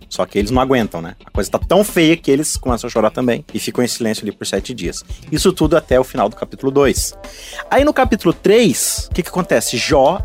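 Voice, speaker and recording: A man on a casual Bible study podcast who talks fast and tells stories with animated, jumping delivery. He keeps acting out the quoted lines in other voices. Faint music plays beneath his voice. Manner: animated storyteller, acts out quotes with jumps in pitch. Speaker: podcast co-host.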